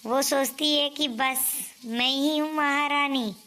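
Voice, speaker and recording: A woman's voice: high voice, steady tone, slow pace, bright, forceful tone, slight background noise, full character voice. Woman playing a stern scolding mother-in-law. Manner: scolding, threatening. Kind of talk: family comedy skit.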